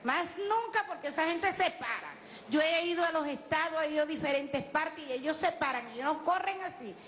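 A woman's voice: sits high, a little fast. A woman, a studio guest eagerly recounting an event with vivid sound effects. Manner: excited, vivid storyteller using sound effects.

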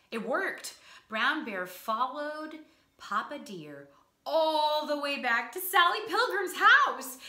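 A woman teaching a preschool music class, telling an animated, expressive story to small children. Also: high voice, roomy sound.

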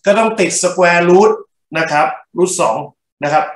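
A male university lecturer works through engineering problems, talking in short bursts and checking in with the class. His voice sits a little high, and the room gives it a noticeable echo. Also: slow pace, slight background noise. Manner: talks in short bursts, checks in with students often. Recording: echoey classroom.

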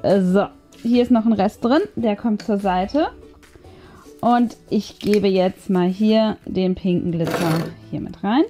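A woman hosts a craft video, chatting casually and thinking aloud as she works through a tutorial. Her medium-pitched voice is warm and slow, with music behind it.

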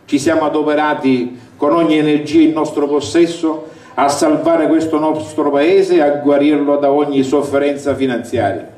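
An older man gives a declamatory, booming campaign speech from a balcony, reading with emphasis. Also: fairly even intonation, moderate pace, darkish tone. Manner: declamatory, emphatic delivery to a crowd. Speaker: election candidate. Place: outdoor balcony over a town square at night. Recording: roomy, distant, noisy outdoor rally recording.

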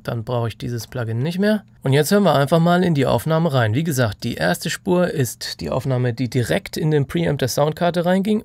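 Gravelly German-speaking man explaining audio. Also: mid-range voice, darkish tone, no echo. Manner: demonstrates mic distance by moving off and back. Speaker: audio engineer explaining recording. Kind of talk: casual tutorial explanation. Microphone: studio microphone.

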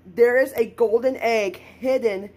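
A woman voicing a friendly plush toy skeleton who helpfully reads a note aloud, in a husky voice. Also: fairly high pitch, measured pace, mellow, pitched above the performer's own voice.

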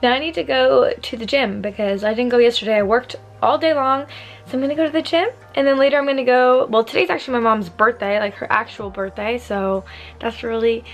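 A woman's voice: fairly high pitch, steady tone, fairly quick, reverberant, poor audio. A woman in her twenties chatting casually to camera in a home kitchen, upbeat and full of "like". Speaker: vlogger. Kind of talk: casual vlog chat.

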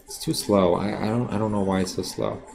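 A man's voice: on the low side, steady tone, brisk, vocal fry, darkish tone. A man teaching drawing during a live stream, talking casually and bluntly with lots of fillers. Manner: self-aware about sounding defensive. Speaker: art teacher. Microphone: streaming setup while drawing.

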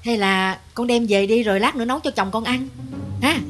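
An actress playing an anxious older mother-in-law who longs for a grandchild, talking in quick, fretful exclamations. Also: on the high side, faint music behind, close to an everyday voice. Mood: evasive. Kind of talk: TV drama acting.

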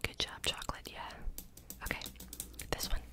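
A young adult woman whispering a fast ASMR role-play as a medical examiner, giving brisk, clipped instructions close to the microphone. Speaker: ASMR creator playing a cranial nerve examiner. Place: small indoor home room. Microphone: large microphone close in front of the mouth.

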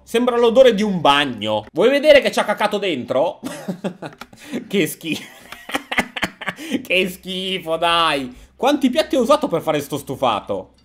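A man doing reaction commentary as a YouTube host, sarcastic and jokey, swearing freely. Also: high-pitched.

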